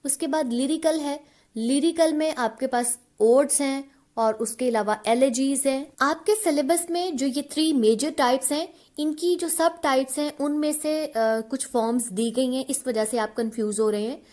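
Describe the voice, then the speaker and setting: A woman teaching a literature lesson, reading definitions slowly and then explaining them in conversational Hindi. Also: high-pitched, darkish tone. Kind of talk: online lecture mixing Hindi and English.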